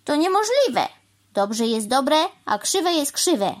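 A shrill, fussy male crow, put on by a woman reading a children's story, lecturing in a high voice that leaps up and down. He spells things out slowly, word by word, sure that he alone knows the proper way of things. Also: very animated. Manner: lecturing, slow and overly clear.

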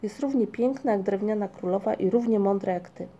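A woman voicing a gentle, soft-spoken young male creature. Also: medium pitch, fairly quick, highs cut off, close to an everyday voice. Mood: admiring. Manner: soft, admiring.

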